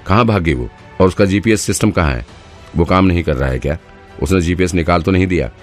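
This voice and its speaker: Picture a hot-tempered police detective barking down the line, his voice very deep and rumbling even as it jumps up in anger, as a man puts him on. He scolds and threatens in short, hard bursts, with soft music far behind him. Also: moderate pace. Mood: angry shouting. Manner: shouting, scolding.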